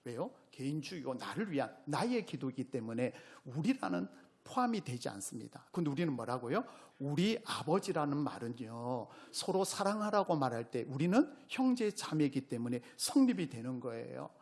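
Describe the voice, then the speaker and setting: Husky, lively Gyeongsang pastor preaching. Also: male voice, medium pitch, moderate pace. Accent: Gyeongsang Korean. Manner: call-and-response preaching, asks the congregation questions; rises to loud exclamations. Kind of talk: sermon.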